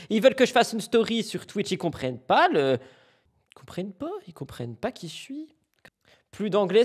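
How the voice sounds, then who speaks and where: A woman hosting a live stream, commenting with animated, mocking and exaggerated reactions. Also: medium pitch. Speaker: streamer host.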